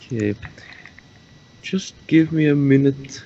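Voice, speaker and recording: A man on a voice call whose distorted mic makes him sound half robotic. He talks in a halting way and fumbles his words. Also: mid-range voice, vocal fry, dark tone, slight background noise. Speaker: guest commentator joining a stream. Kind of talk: casual voice-call chat. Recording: dull lo-fi voice call from a distance.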